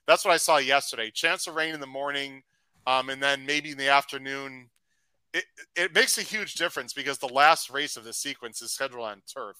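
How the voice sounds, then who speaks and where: A man hosting a live racing podcast, chatty and upbeat, reading out shout-outs to viewers. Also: medium pitch, fairly quick, smooth, no echo, low-quality recording. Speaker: podcast host. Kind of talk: casual live-stream chat.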